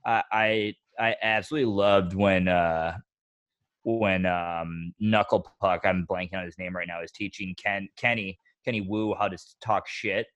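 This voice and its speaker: A young man co-hosting a podcast, talking in a relaxed, hesitant way about his favorite film scenes. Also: low voice, a little slow, no echo. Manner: relaxed, hesitant with many fillers and restarts. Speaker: podcast co-host. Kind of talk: casual movie discussion.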